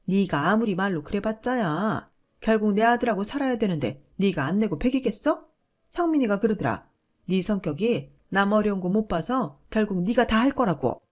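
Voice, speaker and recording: A woman voicing a domineering older mother-in-law who talks in a loud, scornful, bossy way. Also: medium pitch, expressive, normal speed, natural voice. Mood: dismissive.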